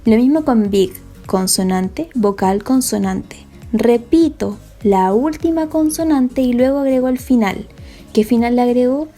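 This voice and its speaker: A woman's voice: on the high side, measured pace, mellow, faint music behind. A woman gives a recorded English lesson over slides. She explains step by step in a patient way and often checks that her students understand. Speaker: English teacher.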